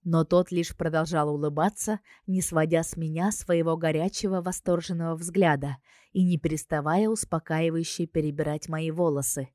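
A woman narrating a fantasy novel in the first person, reading calmly and expressively. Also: deep voice, moderate pace, no room sound, clean studio sound. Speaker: audiobook narrator.

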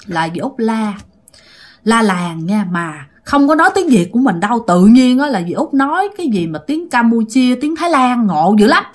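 A woman's voice: on the high side, big pitch swings, moderate pace. A woman telling a ghost story in a chatty, repetitive way, speaking directly to her listeners.

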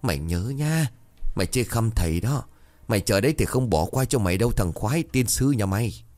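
A man voicing an aging male village exorcist, polite with guests and gruff with his pupil. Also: on the low side, brisk, a little mellow, natural voice. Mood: scolding.

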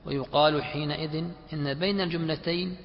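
A man's voice: on the high side, fairly even intonation, fairly quick. Brief: male student reading numbered points steadily, dull lo-fi sound. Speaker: student reading the text aloud. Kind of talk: reading aloud in class. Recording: muffled recording in echoey hall.

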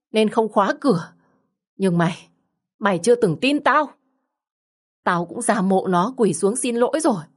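A woman voicing a middle-aged stepmother who cries and pleads with reproachful accusations. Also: on the low side.

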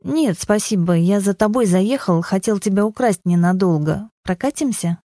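A woman's voice: medium pitch, lively intonation, normal speed, mellow, dry recording, clean studio sound, natural voice. A shy, awkward boyfriend, read by a woman. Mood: sheepish. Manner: embarrassed, apologetic.

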